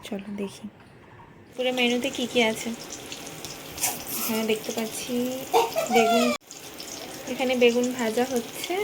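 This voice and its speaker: High-voiced woman chatting through a home recipe. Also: steady tone, a little slow, long pauses, very noisy. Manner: chatty, walks viewers through recipes step by step. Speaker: family vlogger. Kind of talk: casual home vlog, cooking talk. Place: home kitchen.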